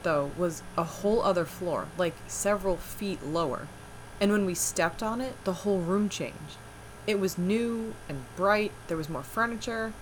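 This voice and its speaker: A woman playing a deadpan, groggy wife. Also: on the low side, slight background noise, natural voice, low-quality recording. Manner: dry, deadpan. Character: groggy dry-humored wife before coffee. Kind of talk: audio drama acting.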